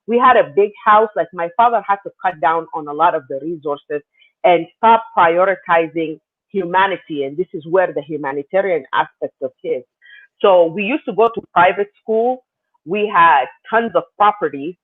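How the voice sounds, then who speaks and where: This guest, a man from South Sudan who lives in Canada, gives casual interview answers at a moderate pace in a high voice. His storytelling is loose and rambling, packed with fillers, and the call sounds tinny.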